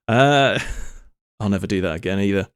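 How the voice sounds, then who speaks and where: A man's voice: fairly low pitch, clear, resonant tone, no room sound, clean studio sound. A man streaming live, rambling through joking asides as he watches a clip. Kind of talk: casual live-stream commentary.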